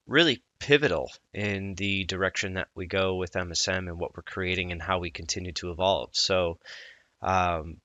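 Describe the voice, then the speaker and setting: A man speaking as a coach in a personal vlog, earnest and reflective, often halting mid-thought. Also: low-pitched, bright, forceful tone, no echo, muffled recording.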